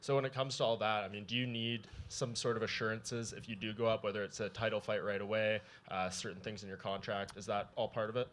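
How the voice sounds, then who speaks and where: Flat, quick male reporter. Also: fairly low pitch. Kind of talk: spoken interview questions. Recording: faint room noise behind.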